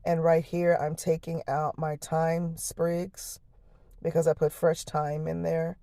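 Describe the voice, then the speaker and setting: Hoarse, low, harsh-voiced American woman. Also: level tone, takes it slowly, dark tone, no echo, clean studio sound. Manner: folksy, chatty, addresses viewers as y'all and honey. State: hoarse, voice lost from the night before. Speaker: home cook, vlog host. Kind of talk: casual cooking voice-over, narrating footage.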